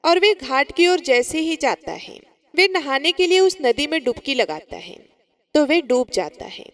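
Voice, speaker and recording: High, lively woman storyteller. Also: a little slow. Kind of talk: scripted narration of a devotional tale.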